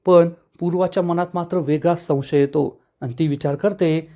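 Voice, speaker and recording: A man retells a television serial episode as a narrator. He tells it dramatically, like a storyteller, in a fairly high voice. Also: fairly even intonation, moderate pace, mellow.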